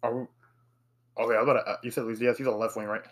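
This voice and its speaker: Young man, quick pace, mid-pitched voice, slangy, sweary, casual podcast banter. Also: steady tone. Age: young adult. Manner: slangy, sweary, bro-heavy talk. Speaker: podcast co-host. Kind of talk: casual banter, football player draft.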